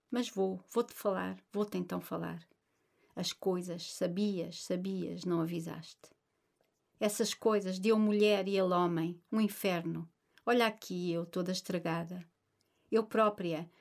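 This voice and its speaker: An emotional young daughter, voiced by a woman reading a story aloud. She pleads and bursts into anguish, her voice sitting at a middle pitch. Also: vocal fry. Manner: pleading, rising to anguished outbursts.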